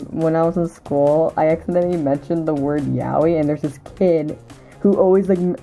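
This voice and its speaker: A woman's voice: deep voice, mellow. A young woman casually talking through her old sketchbook, rambling and giggling at herself in a self-mocking way. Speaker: artist showing old sketchbook. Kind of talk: casual vlog narration.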